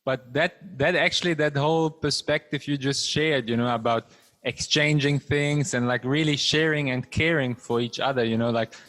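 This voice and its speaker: A man's voice: medium pitch, fairly even intonation, normal speed, fairly bright tone, long reverb tail. A man hosting an interview, reflecting thoughtfully on what his guest said. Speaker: host. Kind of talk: casual interview chat.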